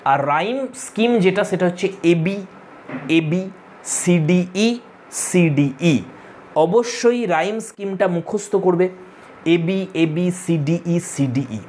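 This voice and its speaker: A man's voice: high voice, darkish tone, a little hiss or hum. A man teaching literature to exam students in a lecture, explaining step by step, repeating key points and telling students to take notes. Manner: addresses students directly, tells them to take notes. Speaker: literature tutor.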